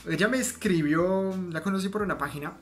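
A French man with a French accent tells a chatty, self-mocking story straight to camera. His voice sits a little high for a man. Soft music plays faintly underneath. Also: a little fast. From France. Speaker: vlogger.

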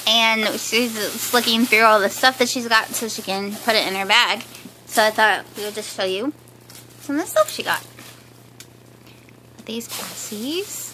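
A woman with a bright, clear voice pitched fairly high talks through a casual home haul vlog. She chats in an upbeat, giggly way, recorded on a handheld camera indoors with a faint hum of room noise behind her. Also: unhurried, poor audio. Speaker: vlogger. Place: living room floor, indoors. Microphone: handheld camera filming from above.

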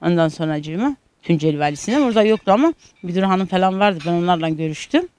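A woman's voice: fairly low pitch, lively intonation, fast talker, a little mellow, clear, resonant tone, no echo. A middle-aged woman from Turkey telling a news interviewer about her struggles, in an aggrieved, repetitive storytelling manner full of reported speech. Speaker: interviewee, caregiving daughter.

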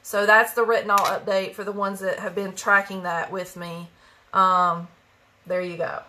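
A woman's voice: medium pitch, level tone, moderate pace, pushed and bright. A woman from West Virginia with a country accent, chatting casually with viewers during a live makeup stream and greeting them by name. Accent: Appalachian country.

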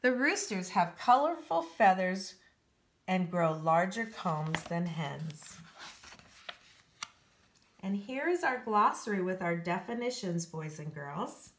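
Holding her phone in a hard-surfaced home kitchen, a woman who teaches elementary school reads a nonfiction book for children. Her delivery is careful and clearly phrased, with emphasis for young ears. Her voice is on the low side with lively intonation, she takes her time, and the room echoes.

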